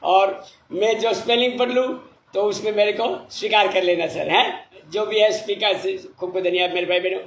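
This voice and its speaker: Meditation teacher, man, high voice, humble and apologetic, echoey room with faint hiss. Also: steady tone, fairly bright tone. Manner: slow letter-by-letter spelling, repeated thanks. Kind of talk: casual talk reading viewer comments.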